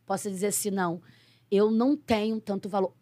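Brazilian woman missionary, mid-pitched, lively testimony, dry close sound. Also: a little fast, dry recording. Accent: Brazilian Portuguese. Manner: expressive storyteller who acts out quoted dialogue. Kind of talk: conversational testimony in an interview.

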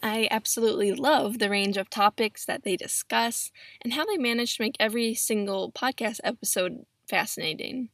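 A woman's voice: on the high side, moderate pace, few pauses, a bit bright, no echo, clean studio sound. A seventeen-year-old young woman hosting a solo podcast in a chatty way, recorded on a laptop microphone in a pillow-padded closet. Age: 17, teenager. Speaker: podcast host. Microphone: built-in laptop microphone.

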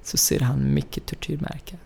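A young Syrian man whose first language is Arabic appears as a guest in a storytelling interview. His voice is gravelly and fairly high-pitched. He tells stories animatedly, laughing as he speaks in broken Swedish.

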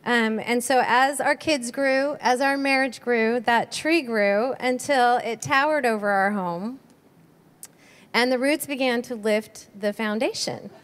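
A woman's voice: a little high, measured pace, a bit bright, slight background noise. A middle-aged woman sharing a marriage testimony from a church stage, telling her story earnestly with frequent ums. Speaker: pastor's wife sharing a testimony. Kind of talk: sermon testimony. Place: church sanctuary. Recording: long reverb of a large hall.

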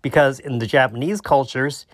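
A man hosting a solo debunking podcast, explaining his points haltingly and often rewording himself mid-sentence. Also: mid-range voice, no room sound, clean studio sound. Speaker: podcast host.

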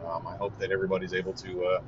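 A man giving a casual, earnest update, halting with many fillers and restarts. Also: sits low, little pitch movement. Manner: earnest and relieved. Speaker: vlogger giving a family update. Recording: dull lo-fi audio with faint vehicle noise.

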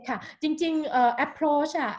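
High-voiced woman explaining with conviction. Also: slow. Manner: lively, persuasive, checks in with "right?" often. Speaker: guest, managing director of a design firm. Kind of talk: explanatory interview talk.

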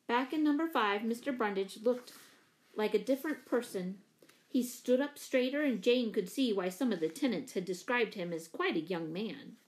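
A woman reads a children's novel aloud in a clear, even audiobook style. Her voice sits fairly high and her pacing is steady and measured. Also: low-quality recording. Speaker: narrator. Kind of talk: audiobook narration.

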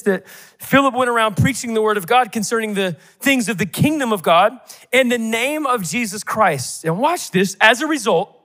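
A man's voice: high voice, bright, forceful tone. A man preaching a sermon as pastor, emphatic, building with repeated rhetorical questions.

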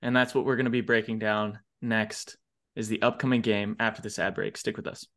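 A man with a fairly low voice co-hosts a casual football podcast. He argues his points with emphasis, his voice jumping up when he leans into them. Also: flat delivery, brisk, a bit bright. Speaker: podcast co-host. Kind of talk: casual sports chat.

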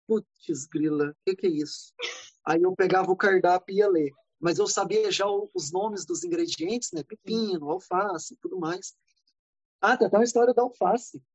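A man from Brazil, a podcast guest, telling lively anecdotes in a casual way and acting out the dialogue. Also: sits high, normal speed, breathy edge, no echo, low-quality recording. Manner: animated, acts out dialogue in anecdotes. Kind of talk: casual storytelling. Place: living in California.

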